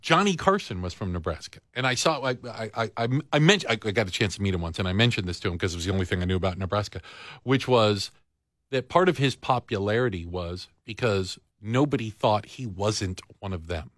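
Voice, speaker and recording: A man's voice: fairly low pitch, a little fast, no echo, studio quality. A man hosting a radio talk show, chatting casually and teasing his co-hosts. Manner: joking, animated, teasing. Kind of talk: casual chat.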